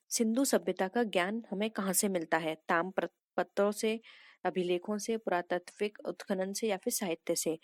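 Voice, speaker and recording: A woman's voice: medium pitch, dry recording. Woman tutoring in a dry, close voice. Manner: reads out options, then explains the answer patiently. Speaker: exam prep teacher. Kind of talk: solving practice questions.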